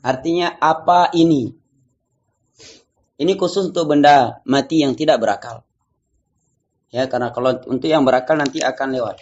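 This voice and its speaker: A man's voice: mid-range voice, lo-fi sound. Man teaching a class, drilling phrases. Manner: drills phrases slowly, students repeat. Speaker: Arabic teacher. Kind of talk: classroom lesson.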